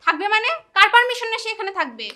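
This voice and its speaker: A woman's voice: lively intonation, very fast, sharp tone, echoey room, exaggerated voice. A woman playing a bossy young wife who scolds her husband in a comedy skit. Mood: furious. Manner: shrill scolding demands.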